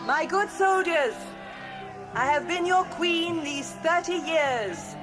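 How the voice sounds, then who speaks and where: A regal English queen from a historical radio play. Her high voice moves slowly and grandly, declamatory and commanding, with clear music behind it. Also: expressive, full character voice. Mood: rousing. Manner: stately, declamatory, imperious. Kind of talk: children's historical audio drama.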